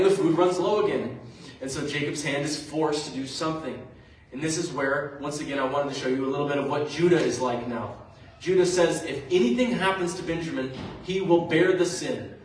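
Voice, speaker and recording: A man's voice: fairly high pitch, slight background noise. A man preaching a sermon, retelling a story in a conversational way with fillers. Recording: very echoey room, mic far off.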